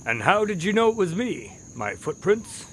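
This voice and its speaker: An earnest, loyal doctor, played by a man in a radio drama, polite and formal. His pitch is on the high side for a man and swings in a lively way. Insect ambience and noise run clearly behind the voice. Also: normal speed. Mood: relieved, curious. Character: earnest, loyal male doctor, sidekick to a detective. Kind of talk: audio drama acting.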